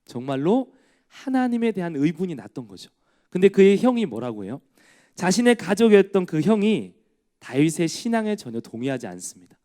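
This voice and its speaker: A man's voice: sits high, very animated, brisk, dark tone. A young adult man, a pastor, preaching a sermon in a conversational storytelling manner, with personal anecdotes and acted-out quotes.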